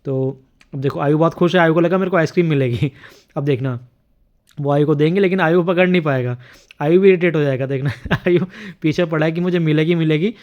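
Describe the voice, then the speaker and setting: A man's voice: on the high side, brisk, a little mellow, lo-fi sound. A man narrating a home video in casual voice-over, chuckling often as he comments. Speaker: vlogger narrating a family video.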